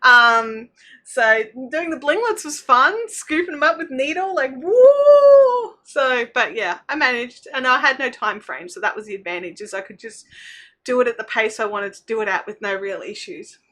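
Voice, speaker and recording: Bright, high-voiced Kiwi woman chatting casually. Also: lively intonation, normal speed. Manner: scattered, self-interrupting, thinking aloud, informal slang. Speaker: craft livestream host. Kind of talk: casual chatty livestream while knitting.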